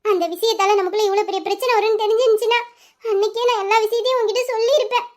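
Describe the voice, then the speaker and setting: A woman's voice: extremely high pitch, steady tone, racing. A woman voicing a young, devoted wife in a romantic audio drama, speaking in a tearful, pleading and tender way.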